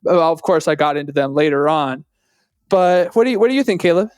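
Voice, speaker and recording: A podcast co-host talking in a relaxed, casual way, with some hesitant restarts. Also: mid-range voice, brisk, smooth, dry recording.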